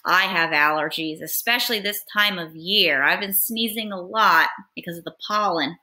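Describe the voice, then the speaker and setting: A woman's voice: on the low side, moderate pace, bright, forceful tone. A young woman teacher reading a picture book aloud in a patient, step-by-step lesson, sounding out words.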